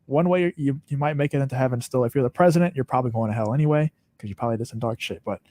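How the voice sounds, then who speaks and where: A man's voice: mid-range voice, rapid-fire, a little mellow, dry recording. Man, podcast co-host, casual easygoing talk, dry close recording. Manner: easygoing, speculative, thinks aloud. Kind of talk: casual livestream chat.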